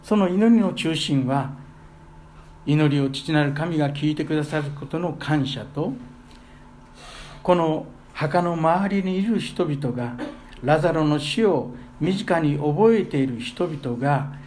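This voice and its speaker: A man delivers a sermon as pastor, speaking earnestly. His voice sits a little high for a man, and he pushes it louder on the phrases he wants to land. A faint hiss runs underneath. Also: animated, a little slow. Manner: earnest, swells loudly on key phrases.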